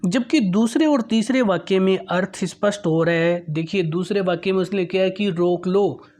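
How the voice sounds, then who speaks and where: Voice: mid-range voice, normal speed, a little mellow. A teacher explaining a grammar lesson patiently, repeating points and often telling listeners to look, with English terms mixed in. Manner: mixes English terms into Hindi.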